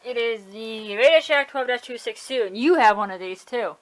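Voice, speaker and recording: Chatty and offhand, a woman tours her collection in a room at home, frequently correcting herself and brushing things aside. She speaks at a moderate pace in an expressive voice on the high side, and the recording is rough.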